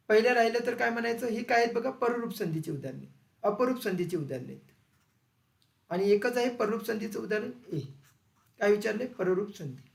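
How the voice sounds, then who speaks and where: A male teacher leads an exam-prep grammar lesson in a high, gravelly voice, posing questions and slowly repeating the answers. The recording carries the echo of a roomy space.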